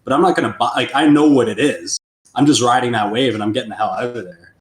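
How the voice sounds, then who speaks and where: A man talks quickly and loosely, stacking up fillers as he chats on a finance podcast. His voice carries a roomy echo, as if he is sitting in an open room. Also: mid-range voice. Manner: loose, filler-heavy talk. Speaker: podcast co-host. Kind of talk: casual chat.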